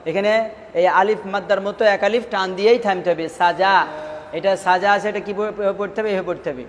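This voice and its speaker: High-voiced man teaching in a reverberant room. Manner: asks students questions and repeats answers, drawn-out drilled syllables. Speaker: Quran recitation teacher. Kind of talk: classroom lesson.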